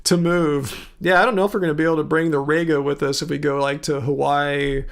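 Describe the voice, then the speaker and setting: Gravelly high-voiced man chatting on a livestream. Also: fairly even intonation, a little fast. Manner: rambling, chatty, many restarts, reads comments aloud. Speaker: livestream host. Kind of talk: casual livestream chat reading viewer comments. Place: home room.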